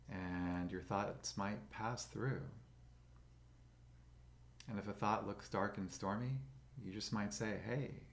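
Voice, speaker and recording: Man, very low voice, gravelly, slow gentle meditation guide.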